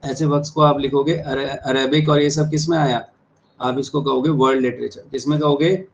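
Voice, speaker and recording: Man tutoring in a flat, level tone. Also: mid-range voice. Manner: repeats key terms slowly, spells words out letter by letter. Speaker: English exam tutor. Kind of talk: explaining exam answers to students. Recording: dull lo-fi sound with faint noise.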